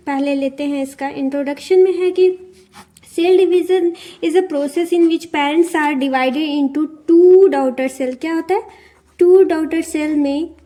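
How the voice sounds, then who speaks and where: A woman's voice: high-pitched, mellow. A young woman teaching an exam-prep lesson in a mix of Hindi and English, repeating key terms and often checking in with her listeners.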